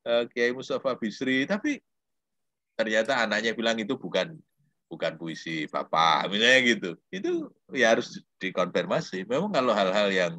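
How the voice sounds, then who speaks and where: Animated older preacher. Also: male voice, on the low side, normal speed, no echo, highs cut off. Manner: animated storytelling, acting out dialogues. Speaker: Islamic preacher and lecturer. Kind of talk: religious talk.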